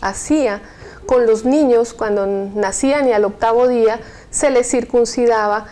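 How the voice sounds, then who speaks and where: A woman's voice: fairly high pitch, mellow. A woman from Colombia, a guest on a Bible study program, explaining carefully and often adding "¿no?". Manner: measured, explanatory, frequent "¿no?" tags. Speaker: guest, university staff. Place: TV studio.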